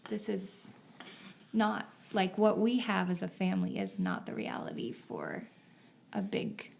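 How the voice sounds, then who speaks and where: A woman's voice: medium pitch, big pitch swings, measured pace, creaky, darkish tone. A woman missionary answering interview questions in a thoughtful, reflective way with frequent fillers.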